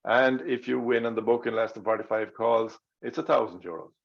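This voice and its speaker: A man's voice: medium pitch, fairly even intonation, a little fast, gravelly. An Irish man hosting online bingo as the caller, reading out numbers digit by digit and then in full, with traditional calls. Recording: dull, lo-fi sound.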